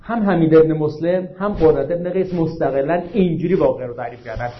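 A man preaches a religious sermon in a high voice, asking the audience one rhetorical question after another. He slows down to stress the lines he quotes. The recording sounds dull and lo-fi. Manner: slows down to recite and stress quotations.

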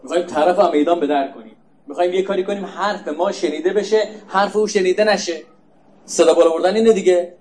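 Man, high voice, religious lecture, rhetorical questions, explanatory tone. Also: a little hiss or hum. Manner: explanatory, asks rhetorical questions and answers them; repeats words softly for emphasis. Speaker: preacher. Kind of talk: religious lecture on Quran verses.

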